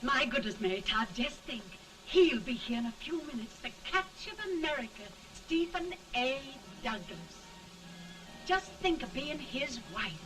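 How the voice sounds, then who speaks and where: Status-minded, excitable sister, bright, fussy, slightly distant early talkie film sound. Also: female voice, high-pitched, a little slow, soft background music, heavily acted. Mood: excited, fussy.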